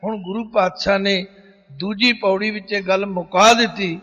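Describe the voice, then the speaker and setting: A man preaching who recites scripture verses slowly and then explains each one. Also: high voice, steady tone, a bit bright. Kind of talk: religious discourse. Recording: dull echoey hall recording.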